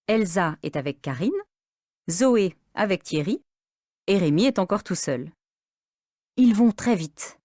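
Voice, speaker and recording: Slow, expressive woman narrator. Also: lowish voice, dry recording, studio quality. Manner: clear, expressive. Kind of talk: slow scripted narration for language learners.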